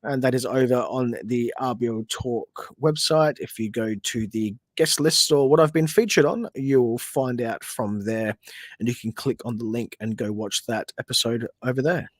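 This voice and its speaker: A man's voice: mid-range voice, moderate pace, no echo. Australian man hosting match commentary. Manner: chatty, frustrated asides at players, reads viewer questions. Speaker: podcast host. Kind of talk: casual livestream match commentary.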